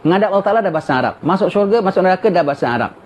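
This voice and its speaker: A man giving a colloquial religious lecture, reading a text aloud slowly and then explaining it. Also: sits high, animated. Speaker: religious teacher. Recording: dull, lo-fi, faint background hiss.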